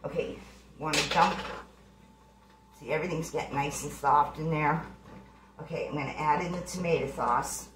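A middle-aged woman hosting her own channel walks through a recipe in her home kitchen, offering cozy step-by-step directions in a casual cooking demo. Her voice is low, slightly bright and fairly even, at a normal pace with long pauses. The camera rests on the counter, the kitchen echoes with faint pot clatter, and there's slight background noise.

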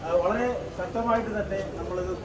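A man gives a rally speech in a high voice, halting and repeating phrases. He is recorded from a distance outdoors, with echo and loud street noise. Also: fairly even intonation. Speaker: residents' association speaker. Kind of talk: rally speech, addressing a protest gathering.

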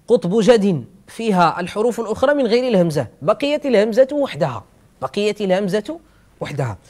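A male Quran recitation teacher giving an explanatory lesson, slowly repeating words aloud to demonstrate how each sound is made. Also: high-pitched.

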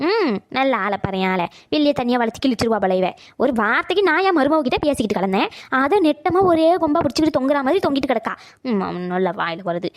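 A woman doing a bossy grandma. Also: high voice. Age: older. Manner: scolding, bossy, coos at grandson. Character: bossy old grandmother, sharp-tongued and doting. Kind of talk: cartoon voice acting.

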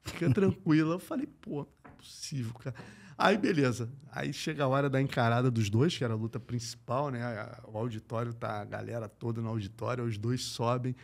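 A middle-aged man with a Brazilian accent, a guest telling a sports story in slangy, profane speech. He swings between loud and hushed and acts out the voices in his quotes. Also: mid-range voice, brisk, gravelly. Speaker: podcast guest, combat sports journalist. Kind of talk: animated anecdote telling.

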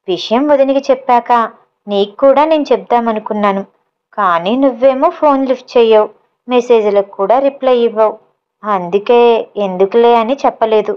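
A woman's voice: a little high, normal speed, smooth, close to an everyday voice. Brief: young woman on a phone call, teasing and coaxing, voiced by a female storyteller.

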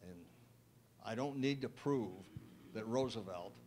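An older man, a guest speaker, answering audience questions with wry, emphatic, measured replies into a handheld microphone in a wood-panelled banquet room. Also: fairly low pitch, darkish tone, a little hiss or hum. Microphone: handheld mic.

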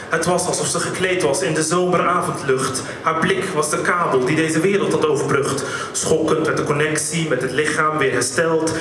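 A man's voice: on the high side, fairly bright tone. A man performing his own rhyming spoken-word poems on stage at a poetry slam, recorded live in a venue hall. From Netherlands. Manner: rhythmic, rhyming delivery. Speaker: slam poet. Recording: echoey hall, distant mic, background noise.

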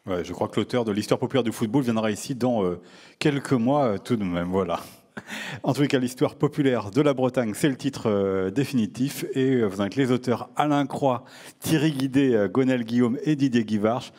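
A man moderating a public talk, wrapping it up briskly with a few fillers. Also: mid-range voice, darkish tone.

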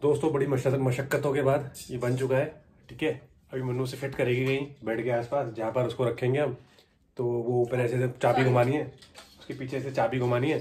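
At home indoors, a male vlogger narrates a casual family vlog in a chatty, doting way, talking to his baby in between. His voice is mid-range with a darkish tone, and there is slight background noise.

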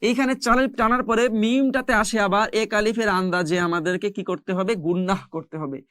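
A Quran recitation teacher explaining rules step by step and chanting long, drawn-out Arabic syllables as examples. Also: medium pitch, steady tone, a bit bright, smooth, dry recording, clean studio sound.

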